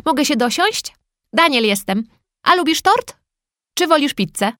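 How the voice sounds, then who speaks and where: A woman voicing a friendly, enthusiastic schoolboy who talks in a bright, playful way. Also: high voice, sing-song, measured pace, no room sound, clean studio sound, pitched above the performer's own voice, heavily acted. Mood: cheerful. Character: cheerful friendly schoolboy, eager helper.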